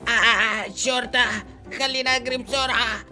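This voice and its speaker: A man's voice: very high voice, fairly even intonation, fast talker, sharp tone. A man with an Egyptian Arabic accent playing along in a gameplay comedy skit, bickering in a whiny way. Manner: whiny, bickering sidekick banter. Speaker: co-player in the skit.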